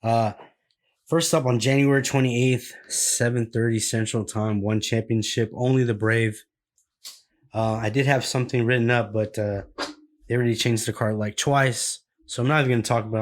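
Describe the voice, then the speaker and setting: Laid-back low-voiced podcast guy. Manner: laid-back, slangy, trails off into fillers. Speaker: podcast co-host running the fight previews. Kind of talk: casual podcast chat.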